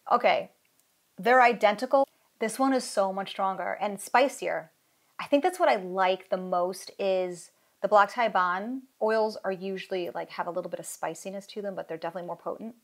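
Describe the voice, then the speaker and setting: A woman's voice: mid-range voice, normal speed. Chatty woman gushing over fragrances. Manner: excited, gushing, chatty with many "like"s. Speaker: candle maker reviewing fragrance oils. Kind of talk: casual product review. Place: indoor craft room with pegboard wall.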